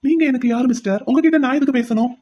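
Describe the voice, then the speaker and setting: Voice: sits high, fast talker, lo-fi sound. A voice actor playing an insistent, pleading young man in a cartoon. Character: brash young man pining for his brother's sweetheart.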